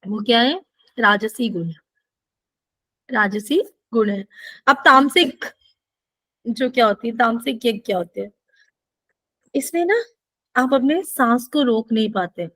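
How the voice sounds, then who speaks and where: A woman with a high voice teaches a spiritual lesson, explaining points patiently and checking in with rhetorical questions. The sound is dry and close, with no room echo. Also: expressive, measured pace, pauses often, pushed and bright. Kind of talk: spoken teaching session.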